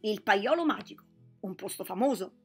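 A huge, good-natured giant speaks up heartily and loudly, as a woman reading aloud plays him. He is friendly and booming in this storybook telling. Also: animated, normal speed, husky, faint music behind. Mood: hearty.

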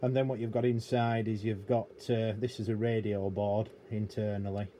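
At a cluttered indoor electronics bench, a middle-aged British hobbyist presenter and radio technician offers a matter-of-fact, rambling, unscripted hands-on explanation. His voice is on the low side and dark, flat in delivery at a moderate pace, with noticeable room noise in the background.

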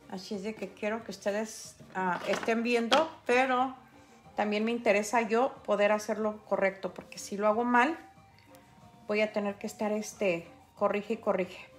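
A middle-aged woman, chatting casually with viewers on a livestream while she paints. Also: a little high. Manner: chatty, talks straight to viewers. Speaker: artist livestreaming her painting.

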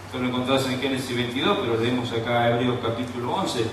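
A man preaching a sermon with a Rioplatense Argentine accent, moving between quiet storytelling and fervent, raised preaching. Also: mid-range voice, steady tone, quick pace, background noise. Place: church hall. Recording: echoey church hall, distant mic.

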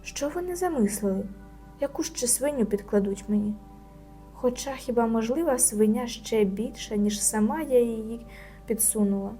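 A woman's voice: fairly high pitch, lively intonation, moderate pace, mellow, soft background music, natural voice. A woman voicing a proud, stubborn schoolgirl in a storybook reading, musing and indignant. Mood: puzzled.

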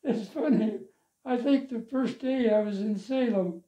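An elderly man telling stories of his life and church work in a relaxed interview, chuckling now and then, seated at home. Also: very high-pitched. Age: older. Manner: slow, chuckling storyteller. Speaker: interviewee, longtime church member. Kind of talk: reminiscing interview. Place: living room, seated in armchair. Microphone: lavalier mic. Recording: roomy, slightly dull sound.

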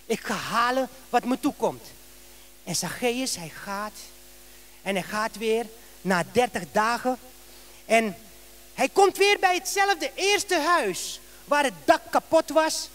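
A male pastor preaching a sermon in a church, telling a story with lively rhetorical questions. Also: very high voice, slow pace, pauses often.

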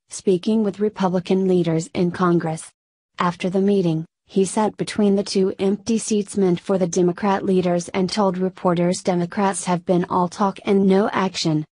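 A woman reads scripted news in a steady read-aloud way, stumbling over abbreviations. Her voice sits fairly low and has a dark, mellow tone. The close voice-over sounds dry, with no room around it. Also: no room sound. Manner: even read-aloud delivery that garbles abbreviations. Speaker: news narrator.

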